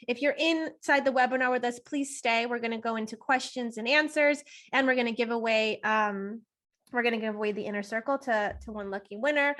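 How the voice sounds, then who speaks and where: Over an online video call, a woman co-hosts a live webinar, chatty, enthusiastic and relaxed, giggling often. Her voice is high-pitched and a bit bright.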